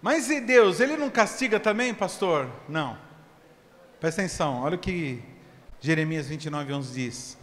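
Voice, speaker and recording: A man preaching a sermon as pastor, swinging from loud, stretched shouts to low, quick asides. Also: lively intonation. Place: church hall. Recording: long church reverb, faint background noise.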